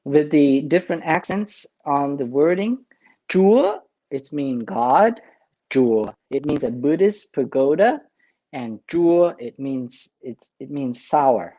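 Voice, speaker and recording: Man, priest, very slow pace, chuckles a lot, lots of uh and um pauses, casual cooking demo. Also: on the high side, expressive, dark tone, highs cut off. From Vietnam. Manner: unhurried, chuckling, many filler pauses.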